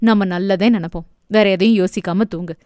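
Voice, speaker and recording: A woman voicing a tender young husband in an audio novel, speaking softly and soothingly in a lowered voice. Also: a little fast, dry recording, studio quality, close to an everyday voice. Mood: gentle. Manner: soft, low and soothing.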